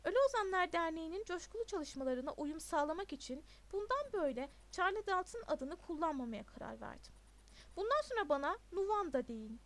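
A woman's voice: very high-pitched, animated, a little fast. A woman reading a storybook, voicing a bold, swaggering teenage schoolboy. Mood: cocky.

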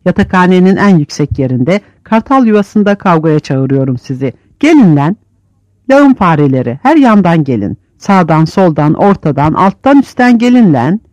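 A man's voice: high-pitched, sing-song, moderate pace, dry recording, lo-fi sound. A man doing a cocky, taunting prisoner. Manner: taunting, provoking shouts.

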